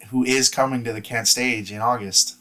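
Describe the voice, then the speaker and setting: A man co-hosting a sports podcast from home, talking over a remote link at a middle pitch. His talk is loose and chatty. He keeps doubling back on his own words before he pushes on. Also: fairly even intonation, moderate pace, pushed and bright. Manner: rambling, repeats words while restarting sentences. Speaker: podcast co-host. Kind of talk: casual sports podcast chat. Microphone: remote podcast mic over the internet.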